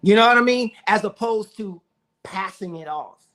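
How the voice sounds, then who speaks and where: A man's voice: high voice, moderate pace, a bit bright. A man co-hosting a sports talk show, telling stories with animation and acting out his friends' lines in casual chat.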